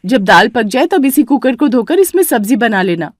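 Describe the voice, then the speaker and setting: Brief: cartoon elder daughter-in-law, scheming and shrill, played by a woman, high loud voice. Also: sing-song, normal speed, dry recording, clean studio sound. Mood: indignant.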